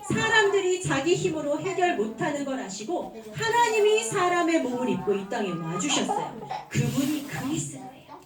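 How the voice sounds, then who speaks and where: A young woman preaching a children's sermon in a church, telling the story with animated acted voices. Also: high voice. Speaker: children's pastor. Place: church hall. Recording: echoey hall, mic far off.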